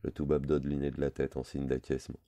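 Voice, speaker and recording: Very deep, dark-voiced male reader. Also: monotone, vocal fry, dry recording, studio quality. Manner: measured, literary reading. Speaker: audiobook reader. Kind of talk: scripted narration.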